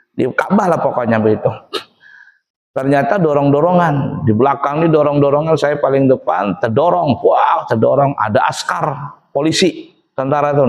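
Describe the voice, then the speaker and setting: Male preacher, sermon storytelling, gravelly, echoey hall. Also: a little high. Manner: animated, acts out quoted voices, laughs often. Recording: echoey hall, long reverb.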